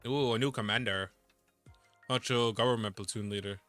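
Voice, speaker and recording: A man's voice: lowish voice, fairly even intonation, moderate pace, fairly bright tone, no echo, faint music behind. A young man streaming a game, rambling casually and reading the game's narration aloud. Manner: rambling, laid-back, reads narration aloud.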